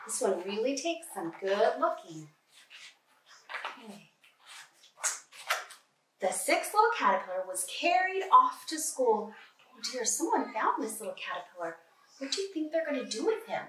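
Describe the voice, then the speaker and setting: A middle-aged preschool teacher reads a picture book aloud at her kitchen table at home, exclaiming, gasping, and asking the little ones questions in an animated, encouraging way. Her voice is on the high side at a moderate pace with frequent pauses. She's far from the mic in an echoey room with a noisy background.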